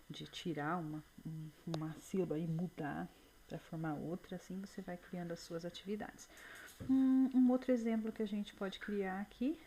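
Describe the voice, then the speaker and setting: A woman teaching a screen-recorded software tutorial in a chatty way, full of diminutives and check-ins with the viewer. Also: lowish voice, slight background noise, rough recording.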